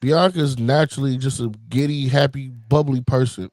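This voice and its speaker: A man's voice: fairly even intonation, normal speed, a little mellow, no echo. A man co-hosting a casual wrestling podcast, talking in a gleeful, gloating way. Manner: gleeful, gloating, jumps high in pitch. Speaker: podcast co-host.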